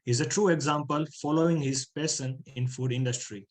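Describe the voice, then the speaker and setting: A man's voice: mid-range voice, fairly quick, poor audio. A man hosting an online talk, formal in his welcomes and hesitant in places. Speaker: host.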